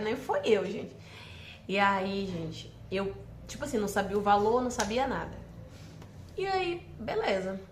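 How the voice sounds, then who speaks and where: A woman with a Brazilian Portuguese accent recounts a personal story for her vlog and speaks straight to her viewers. She talks with emphasis at an ordinary middle pitch. Her voice sits in a roomy, echoing space with a faint hum of ambience behind it. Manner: emphatic, addresses viewers directly. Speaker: family vlogger.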